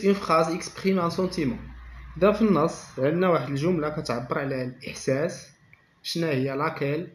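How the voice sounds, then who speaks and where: Moroccan man teaching French grammar, echoey. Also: on the high side. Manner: slow dictation-like French, rapid Darija explanations. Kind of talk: bilingual grammar lesson. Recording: echoey room.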